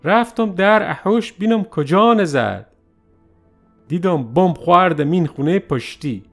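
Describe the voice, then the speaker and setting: A man narrating a first-person story in a lively, animated way. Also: high voice, soft background music.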